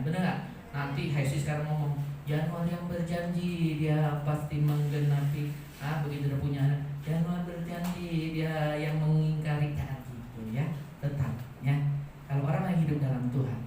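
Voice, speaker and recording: A man's voice: medium pitch, distant mic, slight background noise. Preaching man in an echoing church hall. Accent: Indonesian. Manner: swings between loud shouted peaks and quiet asides; colloquial, joking with the congregation. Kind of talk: sermon. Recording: very echoey hall, voice from afar.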